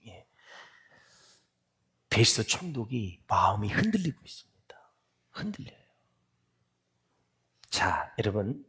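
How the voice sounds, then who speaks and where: Pastor guy preaching in church, kinda breathy voice, bouncy pitch, gets loud then hushed. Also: very animated, slow pace, long pauses. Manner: swings from loud exclaiming to soft near-whispered asides; asks the congregation questions and answers them himself. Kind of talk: sermon. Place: church sanctuary.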